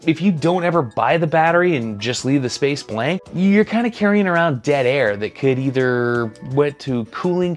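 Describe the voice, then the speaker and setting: A man in his thirties gives a scripted gear review, dry, matter-of-fact and slightly sardonic, in a medium-pitched voice. It was recorded indoors on a lapel mic.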